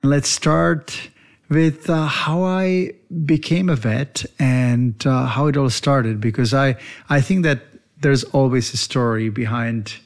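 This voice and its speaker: A man's voice: mid-range voice, steady tone, slow. A man from the Republic, a veterinarian hosting his own podcast and talking in an earnest, reflective way. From Czech Republic. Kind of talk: podcast monologue.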